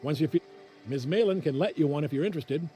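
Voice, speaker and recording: A man voicing a welcoming saloon greeter in a game, selling the place with folksy patter. His voice is mellow and a little high, bouncing lively, with faint ambient noise behind. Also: quick pace, natural voice. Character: friendly male saloon greeter on a frontier colony.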